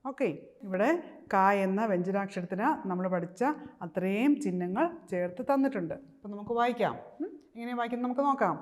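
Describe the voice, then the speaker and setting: A woman with a Malayali accent teaching a kindergarten reading lesson, sounding out syllables slowly and coaxing the children to repeat after her. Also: medium pitch, darkish tone. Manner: slow, coaxing call-and-response with drawn-out syllables.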